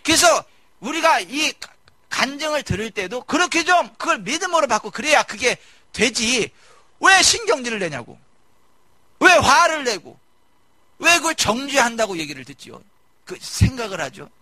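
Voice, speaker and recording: A man preaches a sermon with a very high voice that leaps around. His tone is bright and forceful, and the sound is dry and close. He acts out people's complaints and shouts his key points. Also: normal speed, no echo. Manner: animated preaching, mimicking congregants, shouting emphases. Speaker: pastor. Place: church sanctuary.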